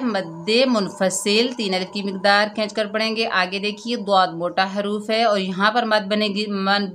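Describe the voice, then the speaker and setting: A woman teaches an online Quran recitation lesson, going through the rules one word at a time. She explains each rule patiently and often asks her listeners checking questions. When she reaches an example word, she recites it slowly and draws it out. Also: medium pitch, fairly bright tone, a little hiss or hum.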